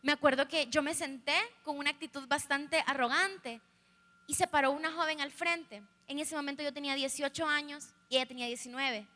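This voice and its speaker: A woman's voice: sits high, steady tone, brisk, pushed and bright. A young woman with a Salvadoran accent giving a candid, humorous personal testimony that speaks directly to a live audience. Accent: Salvadoran Spanish. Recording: echoey hall, live stream.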